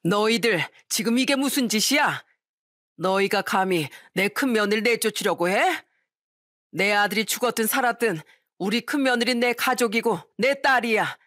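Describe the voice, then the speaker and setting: A woman reading an audio story, voicing an elderly mother-in-law who shouts down her son and his wife. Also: fairly high pitch, expressive, normal speed, no room sound, clean studio sound. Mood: furious. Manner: shouting, scolding.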